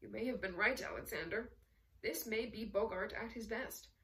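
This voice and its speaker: A woman reading the lines of a genteel older man who teases his friend in a warm, chatty way. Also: mid-range voice, moderate pace, far from the mic, lightly acted, low-quality recording.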